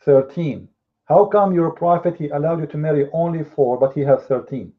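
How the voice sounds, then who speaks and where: A native Arabic speaker with an Arabic accent argues heatedly in a live debate, firing off mocking rhetorical questions. His voice is a little high and moderately paced, and the audio is lo-fi and phone-like.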